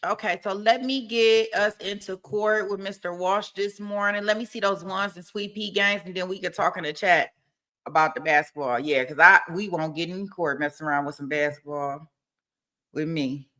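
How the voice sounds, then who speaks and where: Bright-voiced woman chatting casually on a livestream. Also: on the low side, steady tone, normal speed. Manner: colloquial, informal, folksy phrasing. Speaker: livestream host. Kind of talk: casual chat with viewers.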